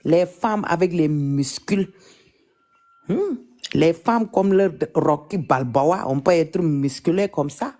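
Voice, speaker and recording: A woman from Senegal with a Senegalese French accent, hosting a casual live chat in a teasing, mocking way with lots of drawn-out repetition. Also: deep voice, mellow. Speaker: live stream host.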